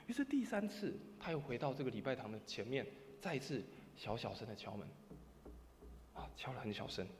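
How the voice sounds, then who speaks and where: A male pastor with a Taiwanese Mandarin accent preaching a sermon, telling a story and acting out its voices. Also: medium pitch. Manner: animated storyteller who acts out voices. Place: church sanctuary. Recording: church hall reverb, faint background noise.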